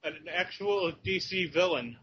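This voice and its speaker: A man's voice: high voice, expressive, a little slow, muffled recording, noisy background. A man casually riffing on a movie, firing off crude, sarcastic quips. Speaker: riffing commentator.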